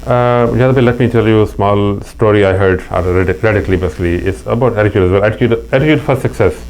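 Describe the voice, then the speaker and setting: Here a Pakistani-accented, middle-aged man from Pakistan talks fast in a lowish, darkish voice. As the interview guest, he tells earnest anecdotes in casual conversation, restarting often. A faint mains hum runs under the low-quality recording.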